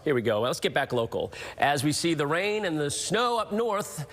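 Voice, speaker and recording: A man's voice: a little high, very animated, moderate pace, a bit bright, big-room sound. A man presenting the weather on a morning TV show, explaining and correcting himself as he goes. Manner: explanatory, self-correcting, light teasing. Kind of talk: weather report and chat. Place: TV studio.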